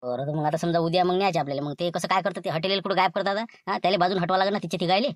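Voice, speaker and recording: Speaking very rapidly, a woman with a lowish, natural voice and fairly even intonation plays an anxious accomplice in a comedy skit, cautioning again and again against the plan. She has a Varhadi Marathi accent, and the recording is dry and studio quality.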